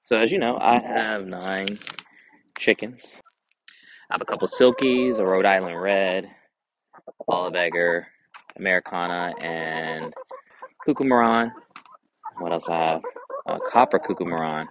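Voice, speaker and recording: A man in his thirties with a very low voice, talking easily and unhurriedly to a camera set a few meters away in an open backyard. He stumbles into restarts and fillers now and then. Faint outdoor noise and hens clucking sit behind him. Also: fairly even intonation, measured pace, pauses often, lo-fi sound. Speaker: vlogger reviewing chicken feed. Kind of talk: casual product review vlog. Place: outdoors in a backyard by a chicken coop. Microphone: camera on a tripod a few meters away. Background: chickens clucking.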